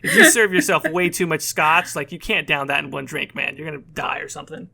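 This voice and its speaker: A young man co-hosting a casual podcast. His voice is bright and sits a little high. He talks in a relaxed, chatty way and often tacks "man" or "bro" onto his lines. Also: brisk, gravelly. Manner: laid-back, chatty, says "man" and "bro" a lot. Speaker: podcast co-host.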